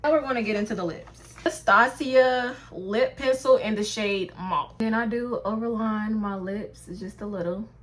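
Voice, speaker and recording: A woman's voice: mid-range voice, fairly bright tone. A young woman beauty vlogger chatting casually through a makeup tutorial, talking straight to her viewers. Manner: chatty, addresses viewers as y'all, drawn-out pace.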